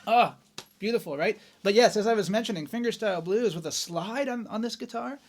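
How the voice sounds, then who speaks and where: Brisk and high-pitched, a man from Canada chats enthusiastically through a casual guitar gear review, with loose fillers and exclamations. Acoustic guitar plays in the background.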